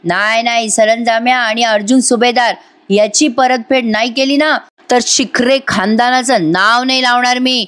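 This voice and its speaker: An enraged, powerful man blustering threats across a courtroom. A woman narrator reads him in her own fairly high voice, with little change. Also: steady tone, normal speed, a bit bright, lightly acted. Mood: threatening.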